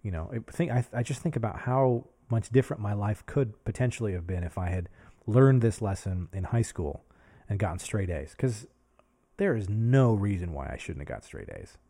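A man in his thirties talks to his camera in a rambling, self-searching way, often restarting his thoughts. His voice is fairly low and mellow. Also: lively intonation, normal speed, breathy edge. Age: 30s. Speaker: podcast host. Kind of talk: casual reflective monologue to camera. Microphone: talking to a camera.

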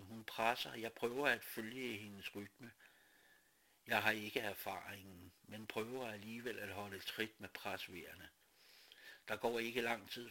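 A man reading a first-person story aloud slowly and dramatically, dropping to whispers and rising to outbursts. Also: fairly low pitch, pushed and bright.

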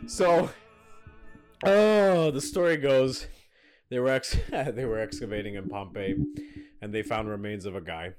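A man's voice: lowish voice, a little slow, long pauses, music in the background. A man in casual podcast chat who swears a lot, laughs often and keeps slipping into joking put-on voices.

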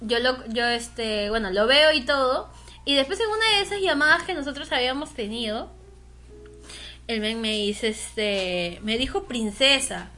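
A woman, co-hosting a casual chat with teasing remarks, loud laughter and dramatic interjections. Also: a little high, expressive, measured pace, faint music behind.

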